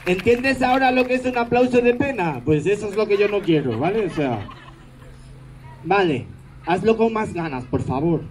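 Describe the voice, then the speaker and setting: A man's voice: sits high, animated, moderate pace, a little hiss or hum, low-quality recording. A man doing stage comedy, teasing the audience in a sarcastic, mock-grumpy way.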